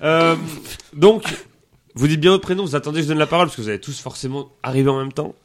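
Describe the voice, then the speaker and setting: A man's voice: on the high side, fast talker, a little hiss or hum. A man hosting a comedic podcast game show, joking between rules and reading out the prize with playful flair. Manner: playful, jokey, reads rules and prizes aloud.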